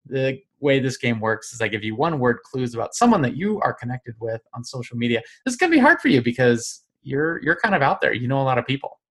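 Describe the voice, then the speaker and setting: A playful podcast host runs the chat in a middle-pitched voice and teases the guest. They often switch into a quiz-show announcer's manner. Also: very animated, fast, hardly any pauses. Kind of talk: casual interview hosting.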